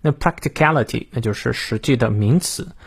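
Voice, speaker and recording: An English teacher delivers a morning lesson in Mandarin, breaking down a quote phrase by phrase and reading the English lines slowly and carefully. His mid-range voice has lively intonation and a creaky, breathy edge, and he uses fillers often.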